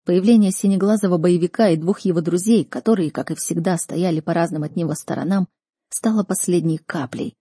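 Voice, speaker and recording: Женщина читает аудиокнигу, глухой тёмный голос. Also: female voice, fairly low pitch, a little fast, mellow, husky, no room sound, studio quality. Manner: emotional dramatic reading. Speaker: audiobook narrator. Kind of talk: first-person fantasy audiobook narration.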